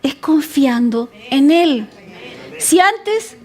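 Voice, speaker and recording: A woman pastor preaching with a high, clear-toned voice. She talks earnestly and repeats key words to drive them home. At times she acts out prayers in a pleading tone. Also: animated, very slow, a little mellow. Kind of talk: sermon.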